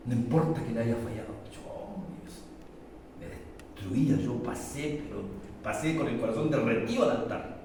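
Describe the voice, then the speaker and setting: A middle-aged man with a Chilean accent, preaching a sermon as pastor, shifting from loud emphatic peaks to low confiding testimony. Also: normal speed. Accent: Chilean Spanish. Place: church hall. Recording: echoey church hall, mic far off, faint noise.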